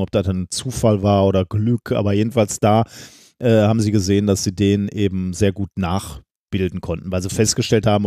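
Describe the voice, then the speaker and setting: A man's voice: on the low side, mellow, dry recording, clean studio sound. A man co-hosting a science podcast, explaining at length in a casual way with plenty of ums and tag questions. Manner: long explanations with many filler sounds and tag questions. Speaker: podcast co-host presenting a science story.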